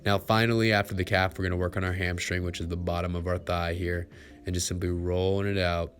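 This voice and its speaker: A man giving follow-along foam rolling instructions in a relaxed, encouraging coaching manner. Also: low voice, fairly quick. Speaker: fitness instructor. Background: faint background music.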